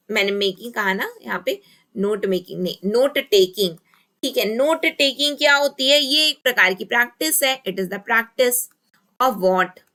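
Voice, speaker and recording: A woman's voice: fairly high pitch, sharp tone. A woman teacher giving an exam-prep lecture, mixing Hindi and English, asking and answering her own questions and dictating key terms word by word.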